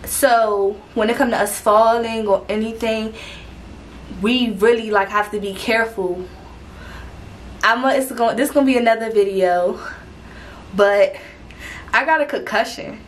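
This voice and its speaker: A woman's voice: fairly high pitch, unhurried, pauses often, slight background noise, low-quality recording. A young adult woman vlogging casually to camera, chatty and rambling, with fillers and restarts, a little out of breath.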